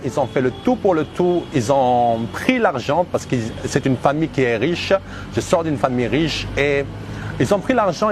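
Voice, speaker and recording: A slightly high, somewhat mellow voice comes from an Algerian man in his thirties, with a little background noise. He gives a personal religious testimony earnestly and emphatically, deliberately repeating his phrases.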